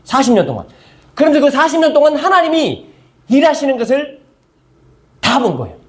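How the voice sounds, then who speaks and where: A man's voice: very high voice, wildly swooping pitch, brisk. A male pastor preaching a conversational sermon and often asking the congregation questions.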